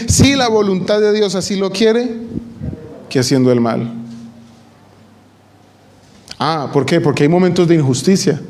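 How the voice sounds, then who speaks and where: A man's voice: high voice, darkish tone. A man preaching a sermon at a church meeting, asking the congregation rhetorical questions and adding joking asides. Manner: asks the audience rhetorical questions.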